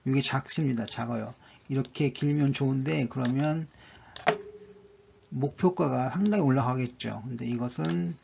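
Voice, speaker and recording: A man's voice: medium pitch, vocal fry, darkish tone, slight background noise. A man narrating a stock chart analysis, going methodically through each indicator one by one, on a dull lo-fi recording.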